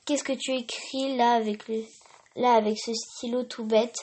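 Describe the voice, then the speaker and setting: A woman's voice: on the high side, fairly even intonation, measured pace, a little mellow. A woman voicing a proud, touchy male magic pencil in a storybook reading, huffy and bossy. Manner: huffy, bossy and easily vexed.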